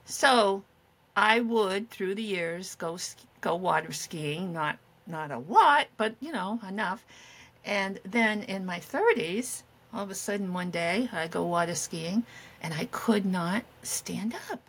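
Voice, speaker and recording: A woman's voice: medium pitch, animated, slow, a bit bright, slightly rough. A middle-aged woman co-hosting a podcast, telling meandering, self-deprecating stories in casual chat. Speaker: podcast co-host.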